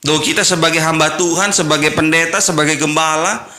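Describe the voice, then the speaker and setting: Male pastor, bright forceful voice, roomy church echo, chatty preaching. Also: a little high, brisk. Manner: lively, conversational preaching with slangy asides. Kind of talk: sermon.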